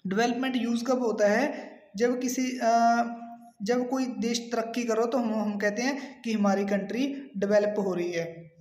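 A man's voice: very high-pitched, steady tone, measured pace, darkish tone, roomy sound. A man from India teaching pronunciation, repeating words and restarting as he coaches learners. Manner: repetitive, with fillers and restarts, coaching tone. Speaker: English teacher.

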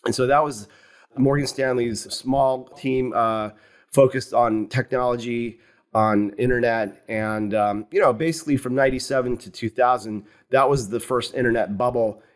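A fund founder from the United States, in his fifties, is interviewed over a video call and calmly explains how his career unfolded. His voice is mid-range, his manner measured, and "you know" crops up frequently. The sound comes from a webcam, and behind him is a home office with wooden cabinets.

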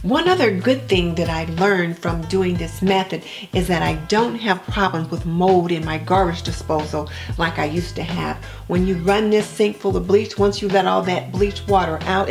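A woman in her home kitchen, walking viewers through cleaning her sink step by step in a relaxed, practical way. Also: on the low side, normal speed, vocal fry, hardly any pauses. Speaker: homemaking vlogger. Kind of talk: cleaning tutorial narration. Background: background music.

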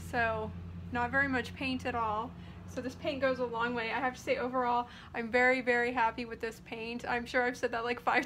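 A woman in her thirties vlogs about DIY furniture painting, giving a casual hands-on tutorial indoors and thinking aloud informally as she works. Her voice is a little high and fairly bright, with a slight hiss or hum.

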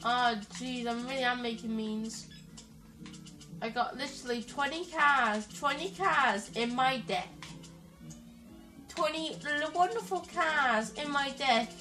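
A high, bright-toned woman rambles through let's-play commentary, talking straight to the on-screen characters with excitable energy. She sits a little back from the mic, with game music faintly playing underneath. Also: slow, distant mic. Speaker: gaming YouTuber.

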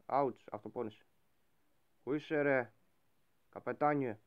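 A man playing a game and role-playing a bossy pirate captain who shouts orders at his crew. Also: medium pitch, muffled recording. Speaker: gaming YouTuber. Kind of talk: Minecraft role-play commentary.

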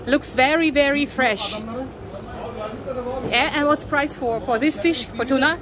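A Russian woman with a Russian accent vlogging while walking through a fish market, chatting with sellers in halting English with many fillers. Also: high voice. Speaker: travel vlogger. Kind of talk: casual walking vlog. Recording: busy crowded market in the background. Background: market crowd.

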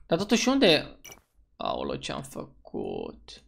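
A man riffs through a let's-play in a medium-pitched voice that sits neither high nor low. He is excitable and slangy, muttering to himself one moment and letting out loud whoops the next. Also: creaky. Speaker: gaming YouTuber.

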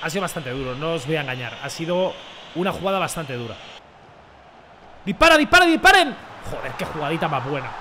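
A young man commenting excitedly on his own football video game match, joking and shouting at big plays. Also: fairly high pitch, fast, noisy background. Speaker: gaming streamer.

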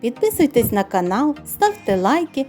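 Lively woman reading a fairy tale. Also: on the high side, normal speed, faint music behind. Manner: expressive, sing-song. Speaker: storyteller. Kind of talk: children's audiobook narration.

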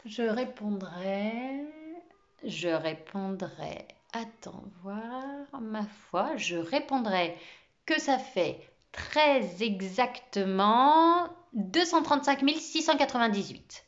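A woman playing a heavy, grave-voiced math teacher who drags his words out slowly, pondering aloud. His voice sits low and heavy. The recording is muffled and lo-fi. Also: reverberant, lightly acted. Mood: playful, slow. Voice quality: deep, grave voice. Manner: drawn-out, mock-pondering delivery. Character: kind, heavy-voiced male math teacher, slow-thinking.

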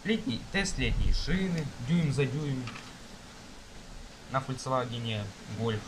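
A young man casually reviewing a car magazine page by page, listing items in a halting way with fillers, filmed on a phone at a table indoors while rain falls outside. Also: mid-range voice, lively intonation, noisy background. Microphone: phone camera filming from above.

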